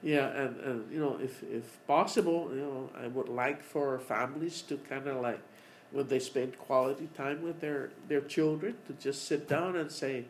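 A man's voice: mid-range voice, moderate pace, low-quality recording. A man with a Chamorro accent talking casually and emphatically as a podcast guest, often repeating his words. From Mariana Islands. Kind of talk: casual conversation mixing English and Chamorro. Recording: steady background ambient noise.

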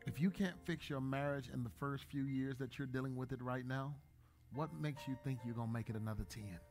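A man in his thirties, a pastor, preaching a sermon in a church, joking at times and then building to loud, emphatic bursts. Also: mid-range voice, a little fast, faint music behind. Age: 30s.

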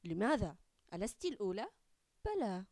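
A woman voicing a shy schoolgirl who speaks softly and sounds childlike. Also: mid-range voice, big pitch swings, fairly quick, dry recording. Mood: cheerful. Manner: soft-spoken, childlike. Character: shy dark-skinned schoolgirl.

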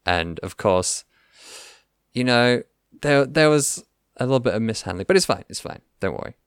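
A male podcast host talking casually, rambling enthusiastically and piling up fillers. His smooth voice swings up and down in pitch. The sound is close and dry. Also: expressive, normal speed, no echo. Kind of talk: casual chat.

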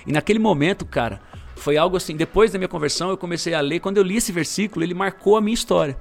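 A man's voice: high voice, racing, vocal fry, soft background music. A middle-aged Brazilian man tells his conversion testimony in a slangy, emphatic way. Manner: slangy, emphatic storyteller, bursts of loudness. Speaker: guest sharing conversion testimony. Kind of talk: casual testimony chat.

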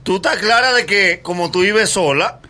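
A man's voice: high-pitched, moderate pace, sharp tone. A man co-hosting a radio show, teasing the guest with a fatherly question. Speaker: radio co-host.

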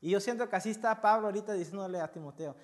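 A man's voice: high voice, racing. A man preaching a sermon to his congregation, impassioned, repeating words and putting questions to his listeners. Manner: impassioned, repeats words, rising loudness, asks the audience questions.

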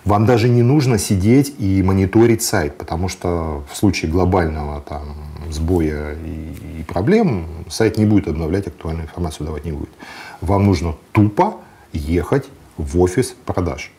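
Low, dark and expressive, this man's voice moves briskly as he answers interview questions. He's a guest drawing on his travel experience, giving practical advice in a straightforward, conversational way and hesitating often.

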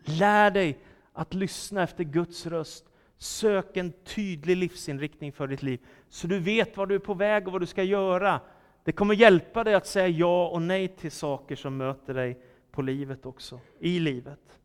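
An earnest male preacher delivers a sermon with emphasis and reads Scripture aloud. His voice is smooth and clear and sits a little high. A long church reverb hangs after his phrases.

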